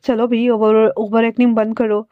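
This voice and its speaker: A woman's voice: on the high side, level tone, normal speed, no room sound, natural voice. A woman voicing a blunt young man who brushes off a friend's fuss in a dismissive way. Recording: dry, dull lo-fi sound.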